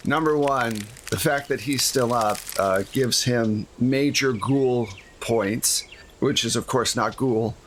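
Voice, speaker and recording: Speaking slowly in a mid-range voice, this man narrates a casual tabletop actual-play session as game master, walking through rules and scenes in a relaxed, chatty way. The audio is poor, with slight background noise.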